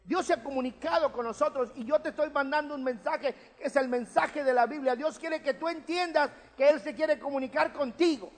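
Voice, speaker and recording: A man's voice: extremely high pitch, brisk, few pauses. A man, preaching a sermon as pastor in a conversational way, often checking in with his listeners. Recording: long hall reverb.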